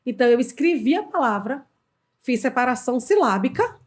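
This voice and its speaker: A Brazilian HR consultant, appearing as a podcast guest, tells a story casually in the conversation with a Brazilian Portuguese accent. She is animated, acts out quoted dialogue, and speaks fairly quickly in a high-sitting voice.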